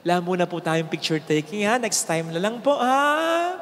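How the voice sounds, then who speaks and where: Man, Filipino accent, priest, Sunday homily, animated storytelling, long church reverb, faint background noise. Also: sits high, normal speed. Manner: conversational, animated storytelling with rhetorical questions.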